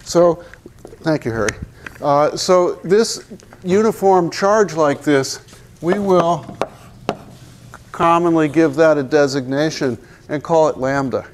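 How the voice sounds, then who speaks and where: A man in his sixties lectures on physics in a large university hall, wearing a lapel mic, joking and asking rhetorical questions as he walks to the chalkboard and points. His voice is fairly high and his pace slow, with long pauses. There's slight background noise.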